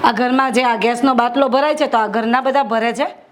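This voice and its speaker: An actress playing a bossy sister-in-law who scolds and argues about a household mistake in a short film. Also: female voice, a little high, fairly even intonation, moderate pace, slight background noise, lightly acted. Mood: scolding. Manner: nagging, scolding, sharp retorts. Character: bossy middle-aged sister-in-law, quarrelsome.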